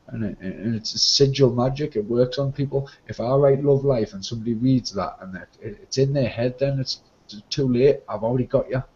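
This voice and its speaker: A man's voice: mid-range voice, brisk, hardly any pauses, darkish tone. A man cutting in bluntly and swearing during a casual group discussion. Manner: brash interjecting, swears, laughs along. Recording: dull lo-fi recording.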